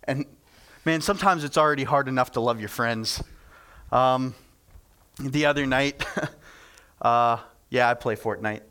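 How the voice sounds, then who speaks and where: Smooth-voiced young man giving a casual sermon. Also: medium pitch, unhurried, long pauses, a bit bright. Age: young adult. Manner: chatty, self-deprecating, many fillers.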